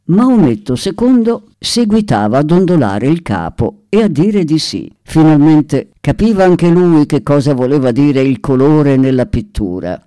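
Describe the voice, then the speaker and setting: A man narrating a story in a scripted, expressive, lilting reading style. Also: on the high side, unhurried, few pauses, no room sound.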